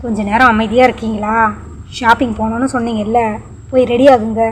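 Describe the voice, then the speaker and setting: A woman's voice: fairly high pitch, flat delivery, fairly quick, slight background noise, natural voice. A woman voicing a young mother who scolds curtly. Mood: scolding. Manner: scolding, curt. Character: young mother, sharp and embarrassed.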